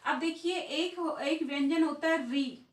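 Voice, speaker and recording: A woman's voice: sits high, measured pace, reverberant, recorded from a distance. A woman teaching a school grammar lesson, explaining step by step to children and checking often that they follow. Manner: explains step by step, keeps asking "ठीक है"; addresses pupils as children.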